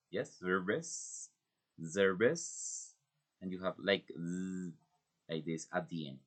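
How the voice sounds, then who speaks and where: Deep-voiced man as a patient language tutor, reassuring and repetitive. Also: a bit bright. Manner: patient, reassuring, repeats words to model pronunciation. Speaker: English teacher. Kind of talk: tutoring lesson mixing Spanish and English.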